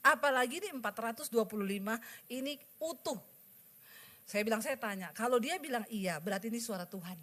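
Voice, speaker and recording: A woman preaches a testimony in an animated storytelling manner. Her voice sits somewhat high, and she acts out the dialogue with laughing emphasis for the congregation. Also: a little fast. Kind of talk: lively sermon testimony.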